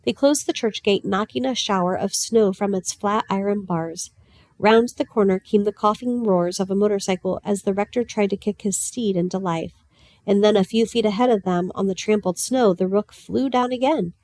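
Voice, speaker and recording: A woman narrates a novel in a calm, even reading voice. Her pitch sits in the middle range. The sound is dry and close, with no room echo. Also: normal speed. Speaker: audiobook narrator. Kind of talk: storybook narration.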